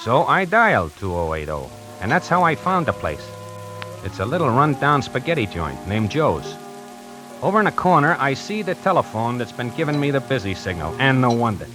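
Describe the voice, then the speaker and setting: A 1940s radio drama features a male actor as lead and narrator: a brash, quick-talking salesman recounting his own tale with wisecracks, in a conversational tone. His medium-pitched voice swings widely in pitch at a normal pace, only lightly acted, with a musical score behind him.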